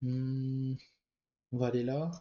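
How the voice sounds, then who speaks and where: Slow and level, a mid-range male voice comes through dull audio. The speaker, who has a cold, comments casually on a card game he's playing, thinking aloud and muttering his picks.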